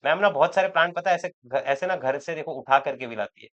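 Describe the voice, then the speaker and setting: A man's voice: on the high side, fast talker, fairly bright tone, highs cut off. A man teaching chemistry in an online lecture, chatty and joking with students, repeating words for emphasis. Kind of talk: online exam-prep lecture.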